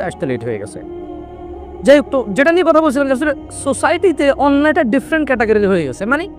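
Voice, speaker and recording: A middle-aged man preaching a sermon in an animated way, mixing in English words and acting out little dialogues. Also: extremely high pitch. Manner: acts out dialogues in different voices. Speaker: Islamic preacher.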